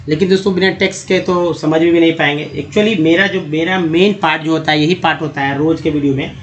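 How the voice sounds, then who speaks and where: A man explains how to read English words, talking to his viewers as friends. His voice sits a little high for a man. He stretches out vowel sounds and often asks a question, then answers it himself. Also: highs cut off. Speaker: English teacher. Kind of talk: spoken lesson on reading English.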